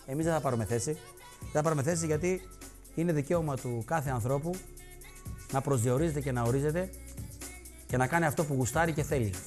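A man hosting a television show, delivering mocking, sarcastic political commentary in animated rants. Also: on the high side, pauses often, soft background music. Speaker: TV show host. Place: television studio.

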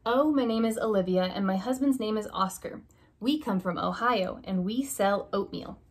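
Her medium-pitched voice slightly rough, a young woman reads a children's alphabet picture book aloud in a small room by a curtained window. She reads slowly and deliberately, placing stress on every opening letter.

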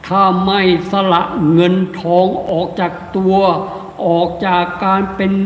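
A man's voice: high voice, reverberant, in a large hall. A man, a Buddhist monk, delivering an emphatic, scolding sermon full of short repeated tag words. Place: Buddhist center hall.

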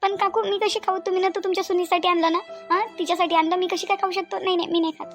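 A woman's voice: very high-pitched, flat delivery, racing, music in the background. A woman voicing a lonely young new mother in a Varhadi Marathi accent, speaking in a hesitant, plaintive way in a cartoon. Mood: sad. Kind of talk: cartoon voice acting.

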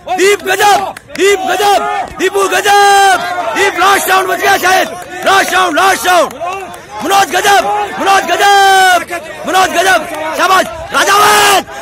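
A man coaching runners, shouting their names, cheering them on and calling out split times outdoors. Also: extremely high pitch. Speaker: running coach. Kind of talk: shouted trackside encouragement and time calls. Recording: crowd and traffic noise outdoors.

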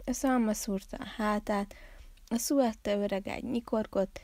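Woman, library storyteller, children's story read aloud, calm, unhurried, mellow, dry. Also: medium pitch, no room sound.

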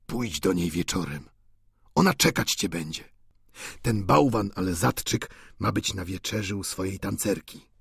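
Goriot, a man reading a husky, doting old father. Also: animated, fairly bright tone, dry recording, clean studio sound, full character voice. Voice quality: husky, slow and low. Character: aging doting father, emotional and pleading. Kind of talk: audiobook character reading.

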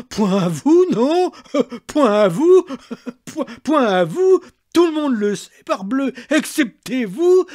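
A man's voice: very high voice, a little mellow, pitched above the performer's own voice, heavily acted. A man voicing a furious old female servant who screams and stammers at her master. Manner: shrieking, stammering rage.

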